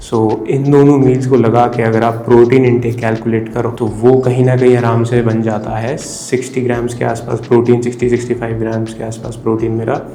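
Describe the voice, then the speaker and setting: A man's voice: medium pitch, dark tone, a little hiss or hum. A young man, mixing Hindi and English as he explains his fat-loss diet step by step in a casual vlog. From India. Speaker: fitness vlogger. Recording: roomy with faint music.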